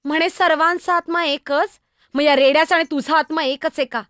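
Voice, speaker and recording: A woman playing a lively, teasing young girl, Muktai, in a chatty, innocent solo stage monologue. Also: sits high, normal speed, no room sound, studio quality.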